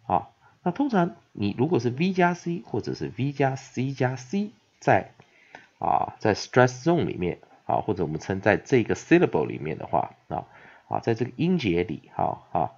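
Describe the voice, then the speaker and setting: A man teaching an English pronunciation lesson, sounding words out slowly and repeating them, with many filler sounds between phrases. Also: medium pitch, very animated, a little mellow, breathy edge. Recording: dull lo-fi audio.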